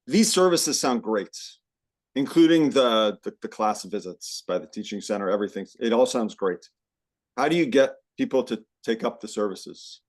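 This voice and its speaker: A man's voice: on the low side, lively intonation, moderate pace. A man moderating an online academic panel, casually putting questions to the speakers. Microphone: video call.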